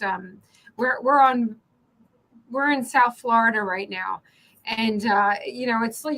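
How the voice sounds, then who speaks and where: A woman co-hosting an online talk show, telling a story in an animated, chatty way. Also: sits high, low-quality recording. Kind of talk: casual chat.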